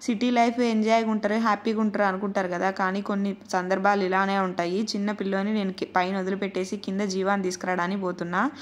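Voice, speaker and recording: A Rayalaseema-accented woman in her thirties tells her viewers about her household's day in an easy, homely way. Her voice sits at an ordinary middle pitch. It sounds like a relaxed, chatty vlog voice-over. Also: fast talker, few pauses. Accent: Rayalaseema Telugu. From Andhra Pradesh, India. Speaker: vlogger and mother. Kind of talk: casual narrated vlog voice-over.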